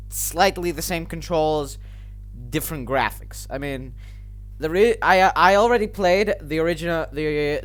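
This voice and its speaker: A man's voice: a little high, a bit bright. A man giving casual, rambling game commentary as a video host, often correcting himself as he goes.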